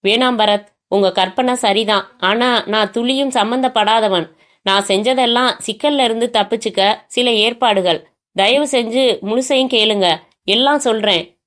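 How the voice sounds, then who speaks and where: A woman's voice: fairly high pitch, unhurried, a bit bright. A woman voicing a frightened, wealthy older father who speaks in an agitated, pleading way.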